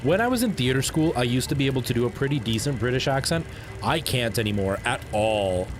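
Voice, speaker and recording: The audio is poor as this thirties-aged Salvadoran livestreamer, whose accent is lightly Canadian, rambles with viewers and keeps restarting his sentences. His mid-range voice has lively intonation and moves fairly quickly, with faint music behind him.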